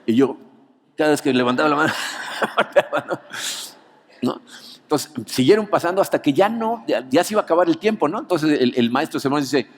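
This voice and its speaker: Mexican pastor preaching in a reverberant hall. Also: male voice, fairly high pitch, a little fast. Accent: Mexican Spanish. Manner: animated storyteller, peppers lines with "¿no?". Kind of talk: anniversary sermon with personal story. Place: church auditorium. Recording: long reverb of a church hall.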